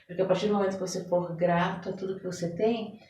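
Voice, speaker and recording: Speaking fast with a flat delivery, this Brazilian woman has a lowish, dark voice and is a therapist guest on a podcast. She explains conversationally, leaning on everyday examples and imagined quotes. Background noise, a distant mic, and roomy echo color the recording.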